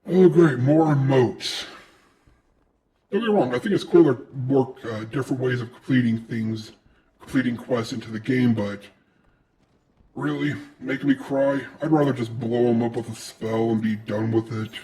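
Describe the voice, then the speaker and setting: A man's voice: medium pitch, moderate pace, mellow, slight background noise. A man casually commenting on his game and reading its quest text aloud, with dry, joking asides. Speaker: gameplay video host.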